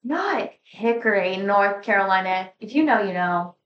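A woman's voice: medium pitch, animated, moderate pace, dull audio, slight background noise. A woman co-hosting a podcast in casual chat, telling stories and teasing. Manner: chatty, storytelling, teasing. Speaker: podcast co-host. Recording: roomy, distant sound.

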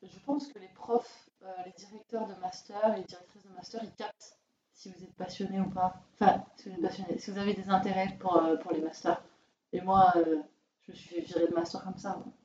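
A woman's voice: medium pitch, level tone, brisk, mellow, distant mic. A young woman speaking informally and bluntly as a student guest in a casual interview. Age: young adult. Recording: dull, echoey room sound.

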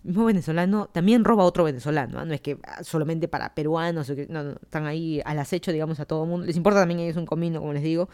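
A woman's voice: low-pitched, rapid-fire, hardly any pauses, dark tone, smooth. A woman with a Peruvian accent, hosting a podcast and chatting in an opinionated, rambling way with plenty of asides. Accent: Peruvian Spanish. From Peru. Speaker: podcast host. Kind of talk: casual solo commentary. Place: home in Miami.

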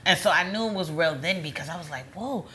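A young adult woman telling a personal story in casual chat, animated and acting out quoted voices with lots of "like". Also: sits low, fast, slight background noise. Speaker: storyteller recounting her courtship.

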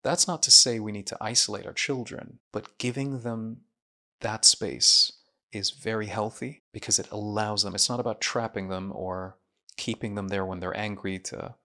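A man's voice: on the low side, steady tone, moderate pace, pushed and bright. A man, a guest speaking in an earnest, introspective way, with small restarts. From Saudi Arabia. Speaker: guest, mind researcher and coach. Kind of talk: reflective interview talk.

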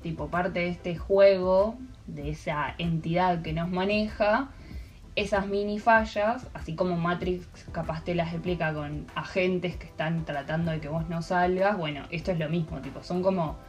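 A woman's voice: lowish voice, fairly even intonation, normal speed, a little mellow. A young woman with an Argentine Spanish accent chatting casually, rambling through stories with lots of fillers. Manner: rambling storyteller with many fillers. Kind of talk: casual chat.

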